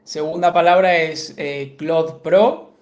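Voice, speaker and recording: A man co-hosting a live-streamed podcast, giving brisk, relaxed answers in a word game. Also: on the high side. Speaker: podcast co-host.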